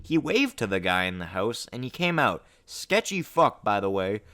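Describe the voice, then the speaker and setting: A man telling a travel horror story in a storytime narration, profane and animated, getting louder and higher at the scary parts. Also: normal speed. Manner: profane, animated storytelling that climbs loud and high at tense moments. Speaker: storytime YouTuber.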